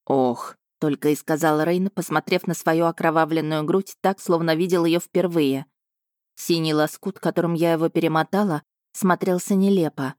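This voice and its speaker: A woman's voice: deep voice, steady tone, moderate pace, darkish tone, dry recording, studio quality. A woman reading a first-person fantasy novel aloud as narrator. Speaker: audiobook narrator.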